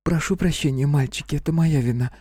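A woman's voice: sits low, brisk, mellow, husky, no room sound, studio quality. A woman voicing a chirpy, capricious young sister and her girlfriends in an audiobook. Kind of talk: audiobook dialogue acting.

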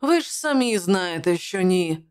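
A woman's voice: on the low side, very animated, a little slow, clear, resonant tone. A woman voicing a jovial, wry male journalist who talks in a bantering way.

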